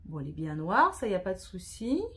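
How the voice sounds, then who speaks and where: A woman's voice: on the low side, sing-song, brisk, fairly bright tone. Chatty woman doing a makeup tutorial. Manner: chatty, self-deprecating, sprinkles English words. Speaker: beauty vlogger.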